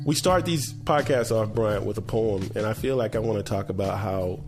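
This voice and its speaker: A man's voice: on the low side, moderate pace, over music. A middle-aged man hosting a podcast, telling stories with animation and emphasis and reading a poem aloud. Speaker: podcast host. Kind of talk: conversational storytelling and poetry reading.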